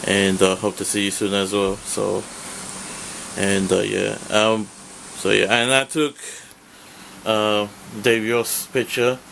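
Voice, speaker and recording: Low-voiced guy rambling thru a con recap, lots of uh and swearing, faint aircon hum behind. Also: level tone, takes it slowly, creaky, long pauses, fairly bright tone, poor audio. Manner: rambling, profane, heavy fillers. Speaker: vlogger.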